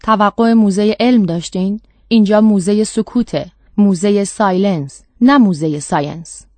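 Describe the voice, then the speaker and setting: A woman voicing a creepy, courteous older male doctor who collects last breaths, speaking smoothly and calmly in a storybook reading. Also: medium pitch, dry recording, natural voice. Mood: polite, eerie.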